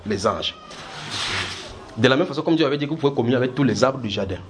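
A man's voice: mid-range voice, quick pace. Guy preaching bible study, keeps quizzing the listeners, repeats himself, bit of noise behind. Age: adult. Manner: questioning, repeats words, animated. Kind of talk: Bible teaching with questions to listeners.

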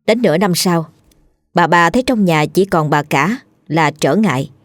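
A woman narrating a ghost story in a measured, even reading. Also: fairly low pitch, dry recording, clean studio sound.

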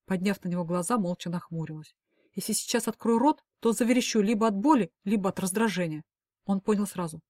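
A woman's voice: medium pitch, fast, warm tone. A woman narrating a first-person romance novel as an audiobook, with emotive, dramatic delivery. Her voice is recorded close and dry, with no room echo.

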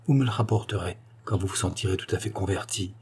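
A man reading an audiobook, voicing a shy, gentle young woman who speaks in a hushed tone. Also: low voice, fast talker, breathy edge, full character voice. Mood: tender.

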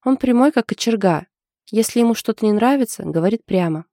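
An anxious young woman in love, confiding her trouble in a hesitant way, as a woman reads her part. The voice is mellow and dark. It sounds dry and close. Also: a little high, lively intonation, a little fast, no room sound, pitched above the performer's own voice. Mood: uneasy.

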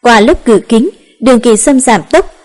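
A woman narrating a romance novel in a calm, steady reading voice. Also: fairly high pitch, normal speed. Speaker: audiobook narrator.

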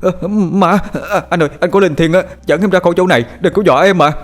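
A man's voice: expressive, fast talker, lightly acted. A man voicing a frightened younger brother who pleads and wails in a raised voice. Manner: high, wailing and pleading. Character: young man, scared crying little brother.

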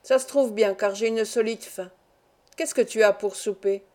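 A woman reading an audiobook, voicing a stern, domineering peasant man who speaks in a rough, curt tone. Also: medium pitch, steady tone, moderate pace, warm tone, close to an everyday voice. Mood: gruff.

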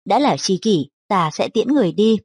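A woman's voice: medium pitch, animated, moderate pace, a little mellow, husky, no room sound, clean studio sound. A woman reading the lines of an elderly, courtly host in a storybook, in a formal and gracious way. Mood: warm, courtly.

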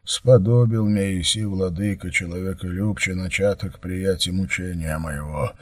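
Captive prince in chains whispering prayers, hoarse and low, as a man reads him. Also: fairly even intonation, no echo, recorded from a distance. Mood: hushed prayer. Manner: quiet, slow, devout. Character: captive middle-aged prince praying in chains.

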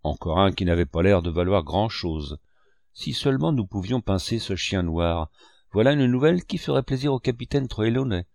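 A man's voice: on the low side, expressive, moderate pace, creaky, darkish tone, dry recording, clean studio sound. A man reading an audiobook, voicing a scheming one-legged innkeeper who blusters with theatrical indignation. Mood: confiding.

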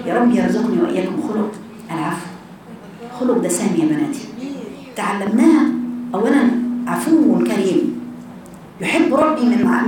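An Egyptian woman leads a religious lesson for young women at a brisk clip, pressing her point with animated rhetorical questions. Her voice reaches the mic from a distance, bouncing around a very echoey room with steady background noise. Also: mid-range voice. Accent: Egyptian Arabic. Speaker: religious teacher.

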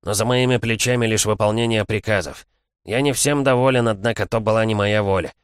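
A weary warrior who has nothing left to lose answers with steady, quiet scorn, as a male narrator puts him on. The voice sits somewhat above the narration and is recorded dry and close. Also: lowish voice, brisk, clean tone, dry recording, voice pushed up, natural voice. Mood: scornful. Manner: calm, scornful, lightly mocking.

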